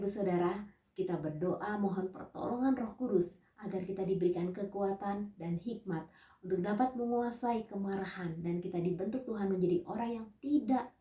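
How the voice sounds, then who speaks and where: A woman evangelist giving a scripted teaching sermon, reading out numbered points and Bible verses in a measured way. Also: mid-range voice, warm tone, echoey room, distant mic.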